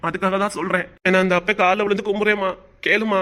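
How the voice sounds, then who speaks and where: A man with a high, bright, forceful voice and little pitch movement plays a worried, widowed older father in a cartoon. Speaking a southern Tamil Nadu dialect of Tamil, he pleads with his daughter emotionally and talks fast.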